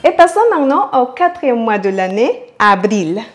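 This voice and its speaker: A woman giving a scripted language lesson, slowly sounding out words and repeating them for practice. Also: sits high, sing-song, a little mellow, soft background music. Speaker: Spanish teacher.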